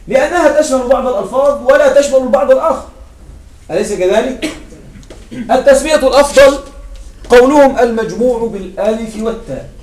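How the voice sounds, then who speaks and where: A man's voice: high-pitched, darkish tone, reverberant, recorded from a distance, a little hiss or hum, low-quality recording. A man teaching an Arabic grammar lesson, explaining step by step and often checking that his students follow. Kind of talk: classroom grammar lecture.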